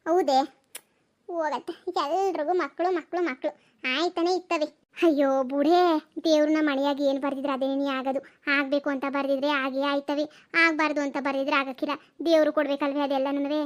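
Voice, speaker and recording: A woman voicing chatty village women in a cartoon comedy, in a rapid, gossipy, exclaiming manner. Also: sits high, little pitch movement, close to an everyday voice.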